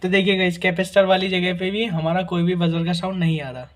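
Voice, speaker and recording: A man speaking a little fast in a high, steady voice hosts a laid-back repair tutorial. Step by step he walks through each test, often checking in with "guys" and "theek hai na."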